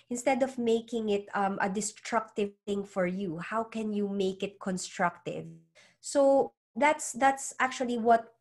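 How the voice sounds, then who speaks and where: Her mid-range voice delivers earnest advice; she's a psychologist and author coach interviewed as a guest. English is her second language rather than her first. She repeats words fairly often while she looks for the right way to put things.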